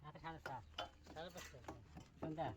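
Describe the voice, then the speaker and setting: Bossy rail worker guy, high voice, rattles off orders, noisy phone video. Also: fairly even intonation, fast. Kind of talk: casual banter on a worksite. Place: outdoor railway worksite.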